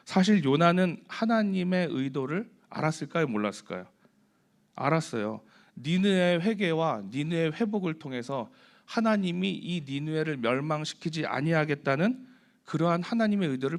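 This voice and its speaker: A man giving a conversational Bible sermon, asking his listeners questions and acting out quoted prayers. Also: a little high. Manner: asks the listeners rhetorical questions; acts out quoted prayers and complaints. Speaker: preacher.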